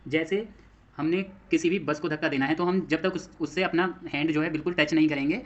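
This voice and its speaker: Speaking a little fast with a fairly high, steady voice, a man with an Indian accent lectures on physics for exam prep, blending Hindi and English. He works step by step, repeats himself and poses his own questions, all on dull audio.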